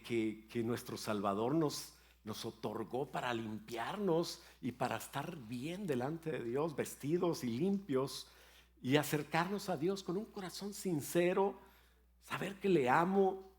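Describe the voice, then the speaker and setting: An older man, a pastor, preaching a sermon in a storytelling way with playful asides about his grandchildren. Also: a little high.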